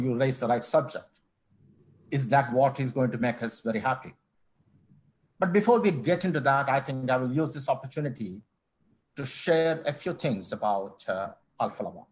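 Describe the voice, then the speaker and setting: Speaking over a video call, a middle-aged managing director from Kerala, India, appears as a guest on an online panel interview. His medium-pitched delivery is measured and formal, though he often restarts his sentences.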